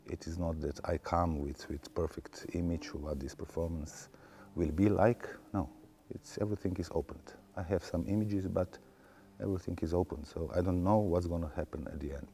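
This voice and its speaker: A man answering interview questions in English, haltingly and repeating words for emphasis. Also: deep voice, steady tone, warm tone. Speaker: theatre director being interviewed. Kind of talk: informal interview.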